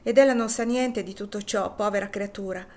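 A woman's voice: medium pitch, a little fast, a little mellow, close to an everyday voice. Woman reading as a sorrowful enslaved man. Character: grown male slave, sorrowful.

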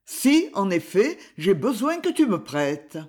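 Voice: mid-range voice, big pitch swings, takes it slowly, darkish tone. An audiobook reader voicing a hearty, frank village craftsman and father who speaks jovially and bluntly in a storybook reading. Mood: insistent.

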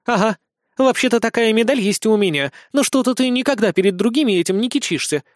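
A man voicing a sharp-tongued, jealous young noblewoman who is the elder sister, speaking scornfully. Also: high voice, animated, moderate pace, no room sound, clean studio sound, voice pushed up. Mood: snappy. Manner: scornful, snappy.

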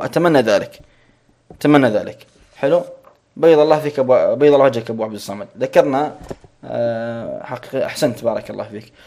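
A man teaching a grammar lesson, repeating each point slowly and checking that students follow. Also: medium pitch.

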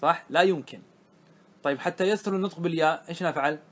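A man's voice: a little high, quick pace, a bit bright. A man teaching a grammar lesson to a class, explaining step by step and often stopping to check that students follow.

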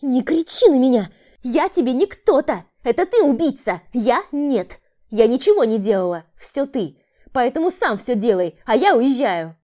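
A woman voicing a panicked, scheming woman in an audiobook, shrill, high-strung and defensive. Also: expressive, moderate pace, dark tone. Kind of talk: audiobook character voice.

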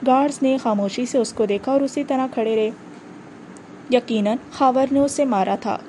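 A woman narrating a novel aloud in measured, dramatic storytelling. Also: a little high, mellow, a little hiss or hum. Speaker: audiobook narrator.

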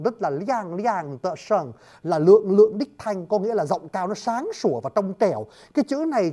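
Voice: mid-range voice, darkish tone. A lecturer giving a casual spoken lesson, often addressing the listeners directly and spelling words letter by letter. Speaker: lecturer on word origins.

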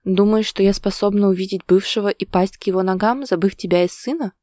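A woman's voice: mid-range voice, brisk, mellow, no room sound, studio quality, natural voice. A woman voicing a wry, playful young wife and mother in a read-aloud romance story.

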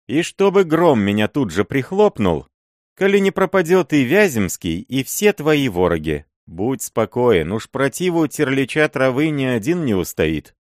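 A man's voice: medium pitch, big pitch swings, a little slow, no echo, clean studio sound, voice pushed up. A man voicing a crafty, fawning old male miller and sorcerer who wheedles and scrapes in an audiobook. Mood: wheedling.

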